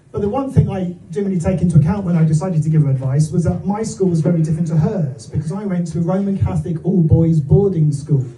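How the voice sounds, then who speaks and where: A man's voice: high-pitched, dark tone, a little hiss or hum. A middle-aged man with an English accent performing stand-up comedy in front of an audience, telling anecdotes conversationally with set-ups and punchlines. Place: live comedy gig before an audience. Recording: echoey room, recorded from far off.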